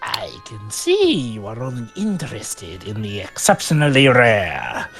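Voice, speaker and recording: Guy doing a sly mysterious shopkeeper, salesman patter, pitch swooping around, music behind. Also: huge pitch swings, unhurried, fairly bright tone, full character voice.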